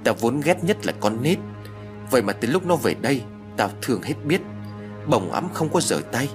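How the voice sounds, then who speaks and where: A man's voice: medium pitch, very animated, normal speed, music in the background, close to an everyday voice. A man voicing a bossy, scolding old mother-in-law in a spoken horror story. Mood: doting. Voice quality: sharp, scolding.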